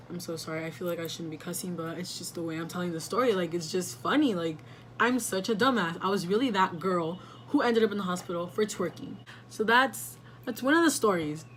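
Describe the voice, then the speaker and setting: A young woman tells a storytime vlog to her camera at home, chatty and animated, dropping swear words and "like" again and again. Her voice is bright and forward. A faint hum of noise sits behind her. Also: lowish voice. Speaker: vlogger.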